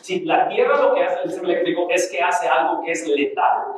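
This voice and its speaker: Speaking fairly quickly in a slightly high voice, a man teaches a Bible lesson with animated energy, with noise in the background. Like a teacher working through a passage with students, he keeps putting rhetorical questions to the class.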